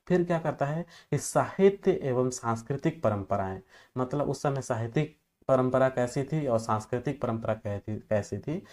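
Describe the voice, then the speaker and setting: A man's voice: medium pitch, darkish tone. Guy teaching an exam prep class, chatty and loose, lots of filler, fumbles terms then fixes them. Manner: loose conversational explaining with homely examples; filler-heavy, repeats "जो है" often.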